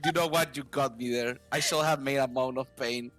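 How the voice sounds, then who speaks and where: A man's voice: mid-range voice, fairly even intonation, fairly quick, a bit bright, faint music behind. A man in casual podcast chat at home, flustered, swearing and laughing things off. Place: room at home.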